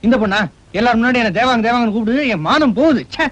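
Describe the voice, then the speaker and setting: A man's voice: very high-pitched, very fast, fairly bright tone, dry recording. An actor playing an anxious lovesick young man in an old film, fretful and easily flustered. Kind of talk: 1980s film dialogue. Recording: dull old film soundtrack with music.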